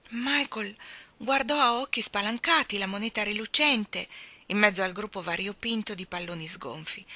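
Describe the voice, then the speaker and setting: A woman's voice: fairly low pitch, dry recording. A woman reading a children's novel aloud, telling the story expressively and voicing its characters. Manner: expressive storytelling with acted voices. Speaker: reader.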